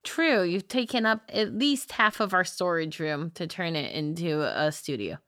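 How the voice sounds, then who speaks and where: A woman's voice: lowish voice, expressive, measured pace, fairly bright tone, no echo, studio quality. A woman co-hosting a podcast, chatting casually and laughing often. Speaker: podcast co-host. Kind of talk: casual chat.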